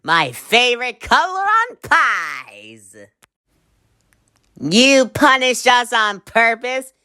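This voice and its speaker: Manic cartoon woodpecker guy, taunting prankster, swoops wildly all over, super bright n piercing. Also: mid-range voice, extremely slow, smooth, heavily acted. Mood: taunting, mischievous. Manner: excitable, taunting, breaks into cackles. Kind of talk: cartoon character voice lines.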